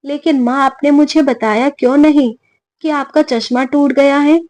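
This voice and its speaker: A woman's voice: a little high, measured pace, darkish tone, dry recording, natural voice. A woman voicing a caring grown son who speaks earnestly to his mother. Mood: concerned. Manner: concerned, earnest.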